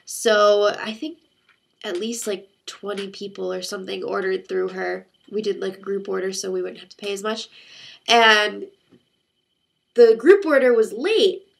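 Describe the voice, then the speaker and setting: Sounding stuffed up and sick, a young adult woman talks casually to her viewers in a rambling, filler-heavy way. She speaks a little slowly in a medium-pitched, creaky voice.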